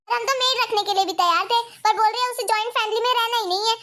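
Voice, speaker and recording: A woman acting as a firm middle-aged mother-in-law with a very high, bright voice. She scolds and hits back with sharp retorts. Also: steady tone, racing. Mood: complaining. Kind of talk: Hindi family skit acting.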